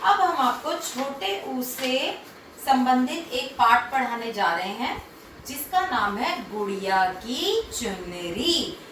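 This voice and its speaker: A woman teaching a children's phonics lesson, stretching out each sound slowly and clearly. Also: high-pitched, lively intonation, fairly bright tone, slight background noise. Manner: slow, drawn-out enunciation of sounds. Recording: echoey room, distant from mic.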